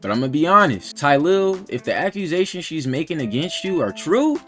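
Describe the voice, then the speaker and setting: A man with a lively, slightly raised pitch that rises and falls as he reacts. He questions and pushes back in casual slang, sounding incredulous. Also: normal speed, soft background music. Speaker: commentary host. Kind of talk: reaction commentary.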